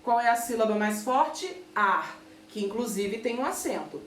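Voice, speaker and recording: A woman's voice: fairly high pitch, lively intonation, measured pace, a bit bright, reverberant, far from the mic, a little hiss or hum. A woman with a Brazilian Portuguese accent teaching a recorded remote class, patiently explaining and often checking that listeners follow.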